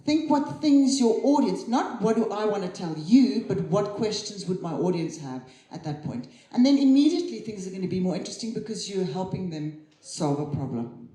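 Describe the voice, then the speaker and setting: Lively woman speaker in a roomy hall. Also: medium pitch, moderate pace. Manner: lively, chatty, laughs at herself. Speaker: conference keynote speaker. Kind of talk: live tech talk on stage. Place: conference hall.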